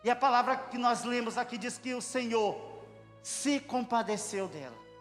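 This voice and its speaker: A man preaching an impassioned sermon, bursting into shouted praise. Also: extremely high pitch, moderate pace. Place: church hall. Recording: echoey church hall with music.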